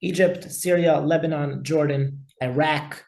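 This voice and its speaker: A man's voice: fairly high pitch, fairly even intonation, unhurried, gravelly, darkish tone, roomy sound, low-quality recording. A man teaching a class as a rabbi. He speaks emphatically and often repeats words as he talks. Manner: emphatic, with frequent word repetitions. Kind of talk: class lecture with discussion.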